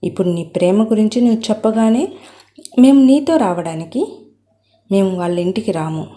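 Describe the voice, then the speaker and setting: Brief: a woman voicing a bossy middle-aged mother, blunt and firm, warm mellow tone. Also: mid-range voice, expressive, normal speed, lightly acted. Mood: angry. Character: domineering middle-aged mother with a fierce temper.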